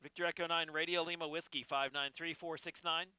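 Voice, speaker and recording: A man's voice: fairly high pitch, steady tone, fairly quick. A man operating in an amateur radio contest, calling in phonetic alphabet and numbers over the air. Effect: ham radio transmission. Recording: muffled radio audio, loud static and noise.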